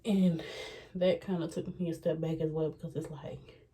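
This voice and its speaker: A young woman talking to camera in an earnest, halting, self-reflective way, a little out of breath. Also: deep voice, little pitch movement, warm tone. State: slightly out of breath. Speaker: vlogger. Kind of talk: casual reflective talk to camera.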